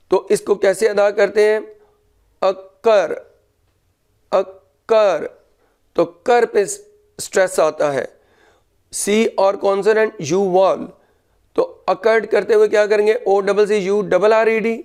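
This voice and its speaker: A male English teacher, dictating grammar rules slowly and explaining them in Urdu, spelling words out letter by letter. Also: high-pitched, a little mellow, clean tone.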